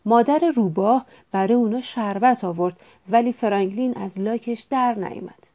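A woman reading a children's storybook aloud with gentle, expressive narration. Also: on the high side.

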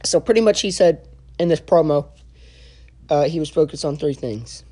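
A young man giving a casual spoken review, halting and full of filler sounds and restarts. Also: on the high side, mellow. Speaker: wrestling show reviewer.

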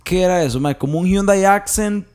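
Costa Rican guy, slightly high voice, slangy casual co-storyteller. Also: brisk, a little mellow, clear, resonant tone. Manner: slangy, chimes in and retells. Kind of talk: casual chat.

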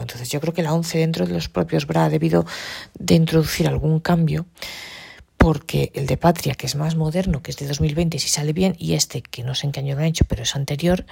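Gravelly, husky woman from explaining. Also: low-pitched, a little mellow. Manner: explains patiently while operating a device. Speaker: tutorial presenter. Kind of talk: step-by-step device tutorial.

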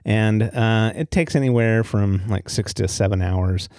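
This is a casual solo storytelling podcast led by an American man who laughs at his own remarks as he goes. He speaks a little slowly in a fairly low, darkish voice. The sound is studio quality, with no echo.

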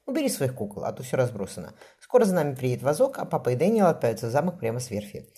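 Man voicing a young girl, dreamy, hopeful, lifted girlish tone, brisk, husky. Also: medium pitch, big pitch swings, mellow. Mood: wistful.

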